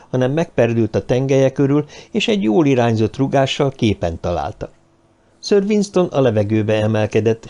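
A man with a medium-pitched voice narrates an audiobook from a script, telling the story in a measured, even manner.

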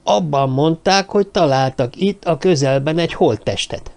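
A man's voice: fairly high pitch, creaky, a little mellow. A man doing a self-important dwarf gossip. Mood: eager. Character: young dwarf man, know-it-all and gossipy.

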